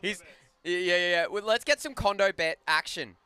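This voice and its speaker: A man's voice: sits high, moderate pace, bright, forceful tone, clear, resonant tone. A man doing joking play-by-play commentary on a live hockey stream, bantering and laughing with his co-host. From Australia. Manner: chatty, banters and laughs often.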